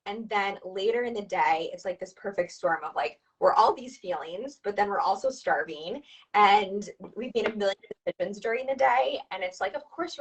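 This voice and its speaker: An upbeat woman dietitian explains habits to a client in a chatty, encouraging way, pitched at an ordinary middle height. She talks over a video call, and her voice sits a little back from the microphone. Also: recorded from a distance, rough recording. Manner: upbeat, chatty, asks listeners to respond. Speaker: dietitian and nutrition coach. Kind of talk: conversational explainer, coaching advice.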